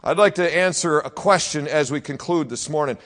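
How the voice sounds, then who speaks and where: Speaking briskly in a slightly high voice, this senior pastor delivers his sermon as a dramatic story. He swings between quiet hushes and loud exclaims.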